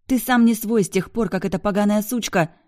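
A woman's voice: mid-range voice, lively intonation, moderate pace, warm tone, no echo, clean studio sound, voice pushed up, close to an everyday voice. A reader voicing a petulant young woman who argues and pleads with her former lover in an audiobook. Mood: pleading. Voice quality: pleading, whiny. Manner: indignant, demanding. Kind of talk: audiobook dialogue.

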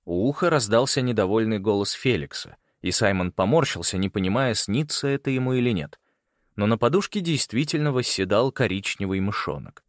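Low-voiced expressive male narrator. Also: a little fast, dry recording, clean studio sound. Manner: expressive, voicing characters. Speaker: audiobook narrator. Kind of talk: scripted narration.

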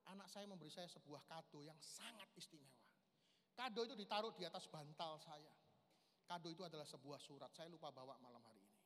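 Speaking fast, a lay preacher in his 40s gives an emotional testimony in a reverberant men's camp hall with a faint background hum. His delivery lurches between loud, high outbursts and hushed, low moments, and he keeps calling the crowd his brothers.

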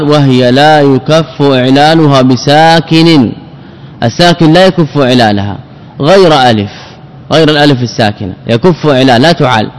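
Man teaching grammar in a reverberant hall. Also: medium pitch. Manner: repeats words, drills forms, asks and answers own questions. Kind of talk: recorded grammar lesson.

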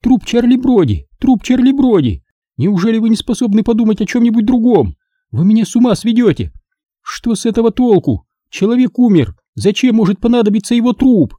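Male reader doing a high, shrill wealthy lady, defensive and indignant, dry close recording. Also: sing-song, normal speed, warm tone, dry recording. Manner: shrill, squealing protests. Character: rich, indignant middle-aged woman, shrill and defensive.

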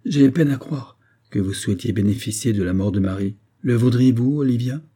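A man reading aloud who plays an earnest young gentleman, urgent and reproachful. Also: mid-range voice, fairly quick, breathy edge, lightly acted. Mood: probing.

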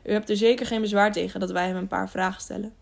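Brief: woman doing a composed knight, measured and gravelly. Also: mid-range voice, fairly even intonation, close to an everyday voice. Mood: firm. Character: adult male knight, calm and firm.

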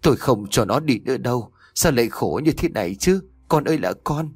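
A man's voice: mid-range voice, animated, a little fast, slightly rough, no echo, voice pushed up. A man voicing a frightened, tearful old mother in a storybook reading. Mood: wailing. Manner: anxious, wailing.

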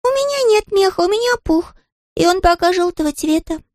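A woman reads aloud, voicing a tiny, fluffy yellow chick girl who is curious and chatty, squeaking out a stream of eager questions. Her delivery is animated and fairly quick, in a dry, clean studio recording.

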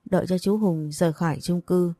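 A woman reading a romance novel aloud in the first person, in a steady, reflective storytelling manner. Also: lowish voice, a little fast, no room sound. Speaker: audiobook narrator.

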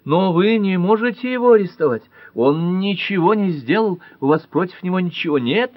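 A man reading an audiobook, voicing a frightened young wife in a raised, shrill, pleading tone. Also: expressive, moderate pace, no echo, dull audio. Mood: hysterical. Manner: shrill, pleading, breaking into cries.

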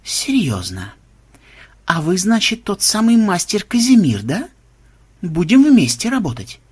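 A man's voice: sits high, huge pitch swings, a little slow, slightly rough, pitched above the performer's own voice, exaggerated voice. A man voicing a stern, sly investigator. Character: stern shrewd male investigator.

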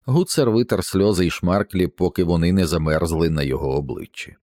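A man narrates an audiobook in a steady, measured way. His voice is strikingly deep and low. The recording is dry and close, with no room sound. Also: dry recording. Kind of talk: scripted narration.

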